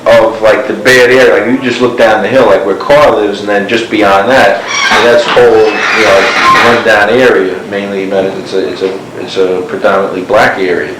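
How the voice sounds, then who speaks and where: A former neighbor is interviewed on a hissy, echoey cassette, his lowish voice level and moderately paced with few pauses, music playing underneath. He rambles along, leaning on "you know" and "like."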